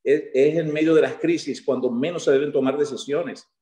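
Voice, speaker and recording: Excitable Venezuelan pastor from Maracaibo. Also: male voice, a little high, reverberant. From Venezuela (Zulia). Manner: fast, excitable preaching. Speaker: guest pastor. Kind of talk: sermon.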